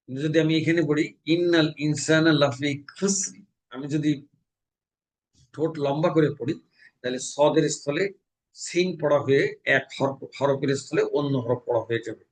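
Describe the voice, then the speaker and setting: A man from Bangladesh teaching Quran recitation, explaining pronunciation rules and slowly chanting example verses. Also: on the high side, poor audio. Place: mosque.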